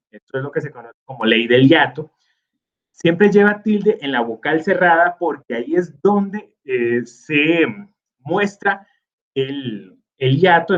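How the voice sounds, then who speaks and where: A man, teaching a recorded slide lesson slowly and filling pauses with hesitations. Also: a little high, dull audio. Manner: slow, with many fillers like "este" and "eh".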